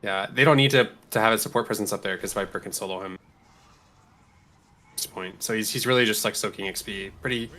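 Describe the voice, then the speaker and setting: A low-pitched male voice with a bright, forceful edge commentates a game match. He explains things analytically as play goes on. Faint music sits behind him. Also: a little fast. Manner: explanatory, breaks down items and strategy. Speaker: esports commentator.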